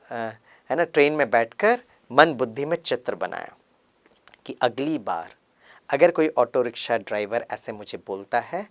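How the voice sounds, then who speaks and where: A male spiritual speaker tells a teaching story, his voice swinging widely up and down. He acts out the lines of the people in it and slips English words into his talk. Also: mid-range voice. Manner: acts out dialogue in lively voices; mixes English words into Hindi. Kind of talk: storytelling sermon.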